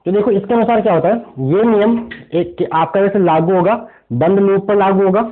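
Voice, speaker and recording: A man with a high voice teaching an exam revision lesson in physics. He walks through each step and keeps asking the class questions he answers himself. The sound is thin and tinny, like a phone line. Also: steady tone, a little fast. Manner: explains step by step, poses rhetorical questions to students. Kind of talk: exam revision lecture at a board.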